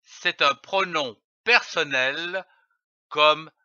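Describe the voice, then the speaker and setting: Slow, deliberate man teaching children to read. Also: on the high side, sharp tone, no echo, dull audio. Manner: deliberate, spells out letters one by one. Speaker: reading teacher. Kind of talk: slow instructional reading lesson for young children.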